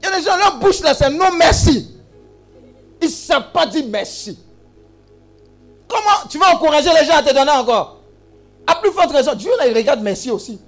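A male preacher with a strikingly high voice that leaps around, shouting, teasing and calling on the congregation to answer. He preaches over a faint bed of music. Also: expressive, normal speed, pauses often. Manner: exclamatory, call-and-response with the congregation; humorous asides and teasing. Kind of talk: sermon.

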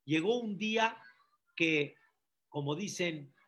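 A rabbi delivers a sermon in a high voice, unhurried and deliberate. He preaches with emphasis, pausing on rhetorical questions to his listeners. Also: expressive, a bit bright. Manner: acts out voices of people in his stories.

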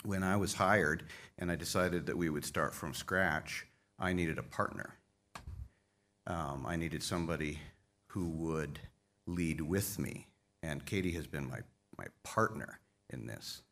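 A man with an extremely low, deep voice speaks from a conference stage microphone. He thanks his team in a heartfelt, folksy way, wry and openly emotional. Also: a little slow, fairly bright tone. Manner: folksy, self-deprecating humor. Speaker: association leader addressing members. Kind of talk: conference speech thanking staff.

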